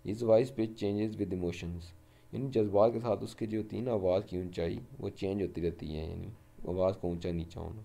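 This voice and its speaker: Deep, very dark male teacher's voice. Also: steady tone, creaky. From Pakistan. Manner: explains each word slowly, repeats "ٹھیک ہے"; reads English example sentences slowly. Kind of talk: vocabulary lesson in Urdu with English words. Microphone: voice-over over a screen recording.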